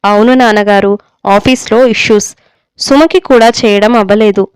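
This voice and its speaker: A woman voicing a busy young adult son living abroad in a read-aloud story, talking in a hurried, evasive way. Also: mid-range voice, fairly even intonation, clear, resonant tone, no echo, close to an everyday voice. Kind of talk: storybook reading.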